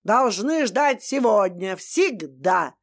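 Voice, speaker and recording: A domineering mother-in-law in her forties , as a woman reader puts her on, barking crude threats and orders in a loud, slow voice. She sneezes often and ranges widely in pitch, from sugary to menacing, in a comic storybook reading. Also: lively intonation. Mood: yelling, bossy.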